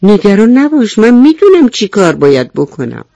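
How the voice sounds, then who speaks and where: A woman voicing an eager, greedy little ant in a children's radio story, in a high, excited voice that calls out. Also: creaky, dry recording.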